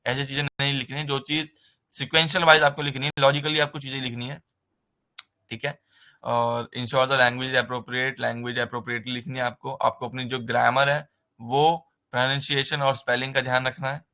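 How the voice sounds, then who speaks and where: A man teaches a recorded nursing exam lesson in a bright, forward, mid-range voice with little pitch movement and a moderate pace. His style is loose and conversational, mixing English terms into Hindi and repeatedly checking in with the filler "ठीक है".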